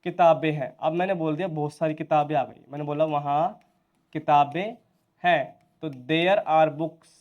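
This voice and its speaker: A man's voice: on the high side, steady tone, a little slow, muffled recording. A man with a Hindi accent teaching an English lesson, asking his students questions and answering them himself.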